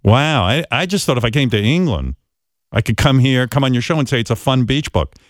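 Oblivious book-plugging spokesman, played by a man, chirpy, lively, dry sound. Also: brisk, dry recording, natural voice. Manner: chirpy sales pitch. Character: male political spokesman plugging his book, cheerfully oblivious.

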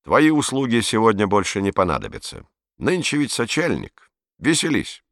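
A man's voice: fairly low pitch, huge pitch swings, moderate pace, fairly bright tone, no room sound, studio quality, exaggerated voice. A man voicing an authoritarian male leader, genial on the surface but icy and imperious. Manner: imperious, with sudden cold edges.

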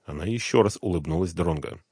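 A man narrating a novel as an audiobook, telling the story in a measured, expressive way. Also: deep voice, husky, no room sound, studio quality. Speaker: audiobook reader. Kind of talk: scripted narration.

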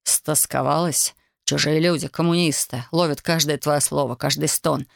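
A narrator voicing a furious, domineering young male soldier in an audiobook, speaking low and slow with hissing menace. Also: fairly even intonation, creaky, fairly bright tone, no room sound, clean studio sound. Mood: menacing. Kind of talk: audiobook reading.

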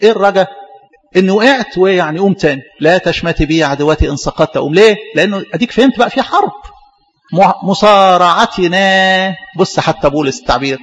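A man with an Egyptian Arabic accent, a priest preaching a sermon. He is animated, asks rhetorical questions and acts out the voices of his listeners. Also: high-pitched, fast, long reverb tail.

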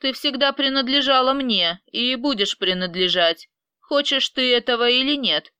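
A woman's voice: high-pitched, moderate pace, sharp tone, clear, resonant tone, dry recording, voice pushed up. A woman voicing a possessive, obsessive man who talks in an insistent, menacing way.

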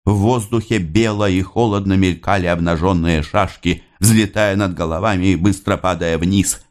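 A man narrating an audiobook with measured, dramatic storytelling. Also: low voice, fairly even intonation.

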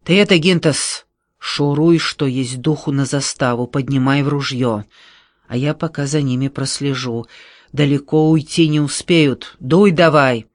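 A man voicing a gruff, angry male border guard sergeant who barks orders coarsely, read close on a dry mic. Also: mid-range voice, a little slow, no room sound, close to an everyday voice. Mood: commanding. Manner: barking orders, coarse and exasperated.

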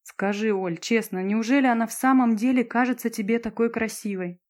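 A woman's voice: a little high, brisk, a little mellow, lightly acted. A fiery, jealous teenage schoolgirl with a cutting tongue, as a woman reads her out. She mocks and snaps at those around her. It is audiobook reading rather than full acting. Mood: troubled. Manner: cutting, mocking.

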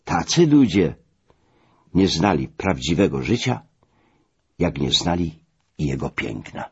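Deep, husky male narrator. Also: very animated, unhurried. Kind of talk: audiobook memoir reading. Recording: dull lo-fi recording.

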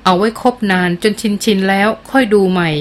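A woman's voice: medium pitch, normal speed, lightly acted. A woman reading the lines of a cautious middle-aged mother brushing off her daughter in a narrated novel. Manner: dismissive, warning tone.

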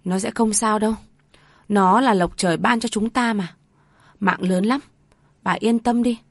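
A woman's voice: mid-range voice, fairly even intonation, measured pace, creaky, dry recording. A woman reading aloud voices a stern grandfather who scolds brusquely and then reassures his wife. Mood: gentle reassuring. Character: stern older grandfather, gruff but caring.

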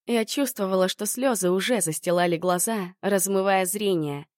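A woman narrates a first-person audiobook expressively, carrying the emotion of the story. Her voice sits on the low side for a woman. The recording is close and dry, with no room sound. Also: no room sound.

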